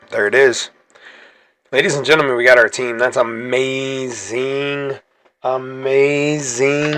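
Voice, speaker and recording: A man's voice: medium pitch, gravelly, bright, forceful tone, a little hiss or hum. A man hosting his gaming channel, chatting casually through gameplay, rambling and correcting himself as he goes. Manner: chatty, rambling, self-correcting, laughs easily.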